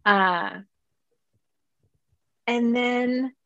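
A woman's voice: fairly high pitch, very slow, vocal fry, sharp tone, no echo, highs cut off. A woman in casual conversation, telling a story with animation, laughing mid-sentence and acting out the people in it. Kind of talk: casual chat.

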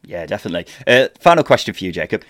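A man's voice: low-pitched, big pitch swings, rapid-fire, a bit bright, no echo. A man hosting a casual football discussion, putting questions to his guests in a chatty way. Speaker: host. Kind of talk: casual sports chat.

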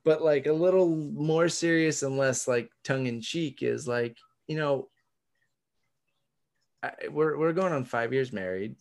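A man's voice: mid-range voice, unhurried, vocal fry. Guy on a podcast talking loose, swears a lot, laughs, punches his points hard. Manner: swears freely, laughs often, emphatic. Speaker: podcast guest, entrepreneur and coffee roaster. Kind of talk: casual interview chat.

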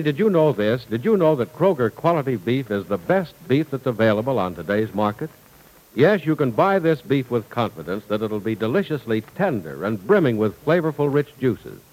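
Old radio announcer man, lively delivery. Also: mid-range voice, rough recording. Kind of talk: old-time radio announcing, scripted sponsor read. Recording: old radio broadcast recording.

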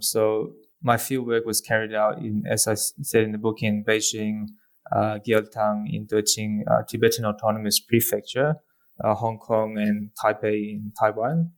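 Australian male lecturer, 30s, low monotone, hesitant guest-interview delivery. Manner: hesitant, many ums and uhs. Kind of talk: academic interview answers.

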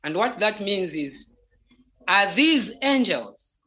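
This personal spiritual testimony comes from a native Bemba speaker with a Zambian accent, whose medium-pitched voice is sing-song, pushed and bright. The delivery is halting and deliberate, with words repeated for emphasis.

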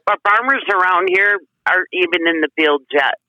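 A woman calling in over a speakerphone line as a race track promoter, chatty and quick to laugh. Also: lowish voice, bright, forceful tone, no room sound, highs cut off. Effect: heard over a speakerphone call. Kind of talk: phone-in interview.

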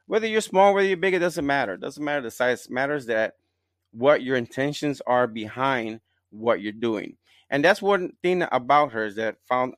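Rambling and repeating himself, a middle-aged podcast host loosely introduces his guest for a casual interview. He has a mid-range voice with a fairly bright tone, captured in a dry recording.

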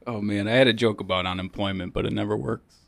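Male podcaster, lowish voice, deadpan pun delivery, casual shed-studio chat. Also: quick pace, vocal fry. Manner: deadpan pun delivery, laughs at own jokes. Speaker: podcast co-host. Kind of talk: casual joke-swapping chat.

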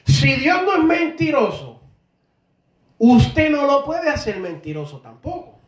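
A man preaching a sermon, animated, acting out voices from scripture stories. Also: extremely high pitch, measured pace. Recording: echoey room from a distance.

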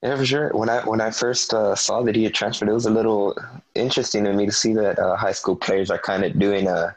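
A young man co-hosting a casual sports podcast, talking in a halting way with many fillers and restarts. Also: fairly low pitch, steady tone, no room sound, rough recording. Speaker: podcast co-host.

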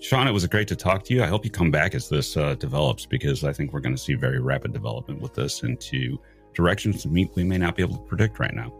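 A man's voice: very deep voice, animated, quick pace, vocal fry, soft background music. A man hosting a talk show, wrapping up an interview and trading dry jokes with his co-host. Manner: dry, joking. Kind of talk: casual talk show chat.

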